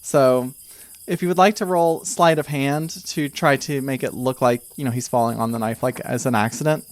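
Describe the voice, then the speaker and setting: This tabletop game master, a man of medium pitch, improvises the story in a steady tone. His telling is conversational, with frequent hesitations.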